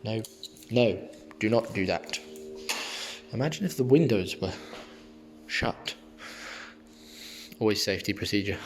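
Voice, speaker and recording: Chatty young man with a strained voice. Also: on the low side. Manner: chatty, relaxed, rambling with fillers. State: losing his voice. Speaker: car detailing vlogger. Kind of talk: casual vlog chat to camera.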